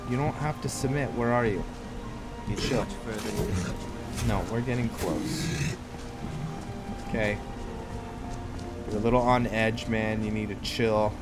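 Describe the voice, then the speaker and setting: This gaming YouTuber, host of a roleplay let's play, has a lowish voice and takes things slowly with long pauses. He rambles casually through improvised commentary, talking to the game's characters, while loud game music, rain and thunder fill the background.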